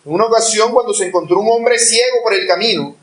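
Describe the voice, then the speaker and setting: A man with a high voice delivers a fast-paced sermon in a church hall, heard from far off in the echoing room. His earnest preaching sometimes climbs into impassioned pleading.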